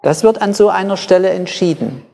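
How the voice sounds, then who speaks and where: A mellow, middle-pitched voice with some vocal fry carries a preacher's sermon, explained in short phrases that loop back to stress the key ideas. Behind each phrase hangs a long reverb, as if in a church hall.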